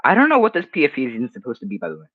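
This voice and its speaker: A teenage man rambles through comments on a livestream, with a mocking, offhand delivery and frequent restarts. His voice sits in an average pitch and sounds dry and close. The recording is a bit dull and lo-fi. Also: huge pitch swings, very fast, no room sound. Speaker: streamer.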